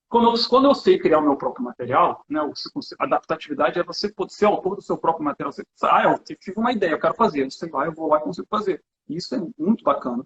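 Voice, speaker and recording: In a casual conversation, a teacher from Brazil shows off his classroom materials with a lively, hands-on manner, dropping "né" again and again. His voice sits high. The sound is reverberant and muffled.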